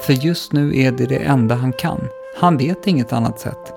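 A man narrating a children's story in a calm, even storytelling voice. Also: mid-range voice, gravelly, over music.

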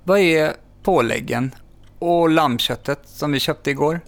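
A man's voice: on the high side, gravelly. A man playing a puzzled father calling out questions in a raised voice, with music playing underneath. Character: puzzled father of a young boy.

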